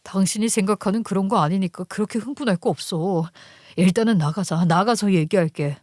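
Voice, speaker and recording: A woman voicing a calm husband who pleads softly with his angry wife. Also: brisk, dry recording, clean studio sound, lightly acted. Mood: soothing. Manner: soft, placating, low-voiced. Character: calm pleading husband hiding a family secret. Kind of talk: storytelling radio drama reading.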